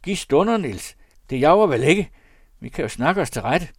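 A man voicing a desperate male poacher who begs loudly for his life in a high, strained voice. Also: lively intonation, no echo, clean studio sound, natural voice. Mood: pleading. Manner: high, loud, begging.

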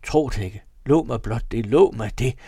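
Troubled older father confessing his dark moods, read by a man, earnest, mid-pitched, dry close sound. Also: slightly rough, no room sound, lightly acted. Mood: haunted.

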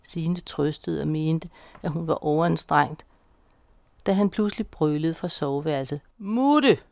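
Female audiobook narrator, measured, gravelly. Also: low-pitched, no room sound. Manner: steady, measured storytelling.

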